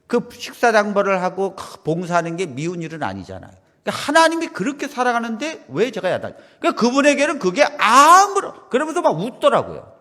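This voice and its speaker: A middle-aged male pastor preaching a sermon, moving between soft asides and loud, emphatic lines, and acting out dialogue from his stories. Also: high-pitched. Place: small church. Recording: long reverb of a church hall.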